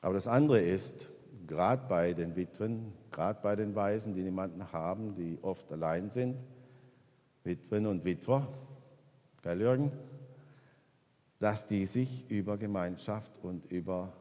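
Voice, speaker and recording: A man preaching a sermon in a church, rising loud on key points and dropping soft in reflection. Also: unhurried, in a large hall. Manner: rises in pitch and volume when stressing points, drops low and soft in reflection.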